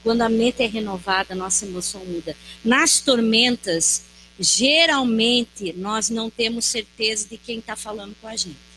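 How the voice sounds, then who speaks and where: Bright-voiced woman preaching. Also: a little high, normal speed, a little hiss or hum, poor audio. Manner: animated, acts out quoted voices, addresses "irmãos". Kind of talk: sermon.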